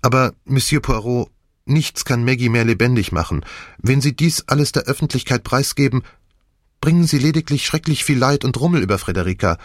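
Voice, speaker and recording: A man voicing an agitated young woman who talks in a hurried, urgent way. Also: mid-range voice, animated, no echo, clean studio sound, voice pushed up, natural voice. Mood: urgent, pleading.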